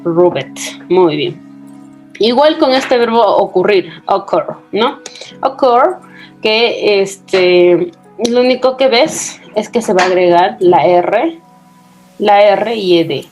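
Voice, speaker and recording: A woman's voice: mid-range voice, takes it slowly, a little mellow, soft background music. A woman teaching an English grammar lesson to secondary students, explaining patiently and checking in with frequent questions. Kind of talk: recorded class explanation.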